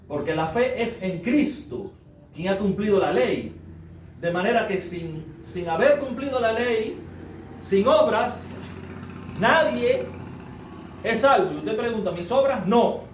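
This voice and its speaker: Male preacher, high voice, teaching sermon with rhetorical questions; distant mic, echoey room, faint noise. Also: expressive, takes it slowly, long pauses. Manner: explains step by step, asks rhetorical questions. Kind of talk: sermon, Bible study teaching.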